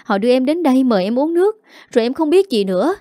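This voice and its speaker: A desperate, wronged young wife speaks in a rushed and shrill way, voiced by a woman narrator in a storybook drama. Her tone stays mellow and soft at the edges. The recording is dry and close. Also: lively intonation, no echo, close to an everyday voice. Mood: pleading. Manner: shrill, accusing, talks fast.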